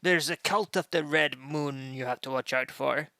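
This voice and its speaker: A man running a tabletop game as game master, improvising in a halting way. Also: medium pitch, gravelly, pushed and bright, dry recording, studio quality.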